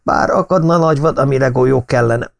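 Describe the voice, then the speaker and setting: A man's voice: mid-range voice, creaky, pitched above the performer's own voice. A man voicing a cool, self-satisfied young private secretary. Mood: smug.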